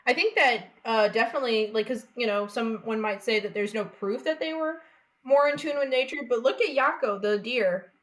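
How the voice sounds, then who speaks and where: A woman's voice: fairly high pitch, normal speed, low-quality recording. Laid-back young woman talking slang. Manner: relaxed, slangy, quotes characters. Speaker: podcast co-host. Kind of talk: casual chat about a film.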